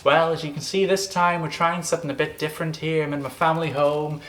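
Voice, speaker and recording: A man's voice: on the high side, flat delivery, quick pace, fairly bright tone, slight background noise. An Irish man telling a story in a lilting, theatrical way, as a scripted narration. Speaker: storyteller, host. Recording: roomy echo, music behind.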